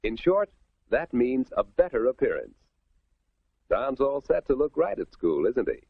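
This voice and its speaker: Husky 1950s-style American male narrator. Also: mid-range voice, big pitch swings, unhurried, no room sound, phone-quality sound. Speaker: educational film narrator. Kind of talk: 1950s instructional film narration, scripted. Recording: thin, band-limited vintage film soundtrack.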